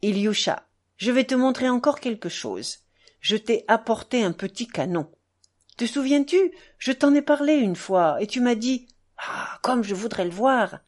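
A woman reading the part of an eager, proud schoolboy who talks in a lively, boastful, hurried way. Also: fairly high pitch. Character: eager proud schoolboy showing off his dog.

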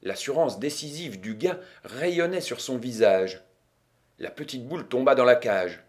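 Measured male audiobook narrator. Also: mid-range voice, lively intonation.

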